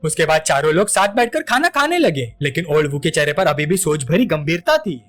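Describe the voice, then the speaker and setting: Man, recap narrator, high pitch, very animated. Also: a little fast. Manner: lively, expressive recounting with voiced quotes. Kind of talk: storytelling narration.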